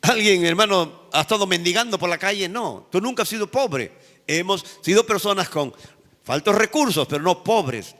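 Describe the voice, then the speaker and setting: A man's voice: high-pitched, animated, normal speed, a bit bright, big-room sound. A male pastor preaching a sermon, emphatic, repeating phrases and asking the congregation to repeat after him.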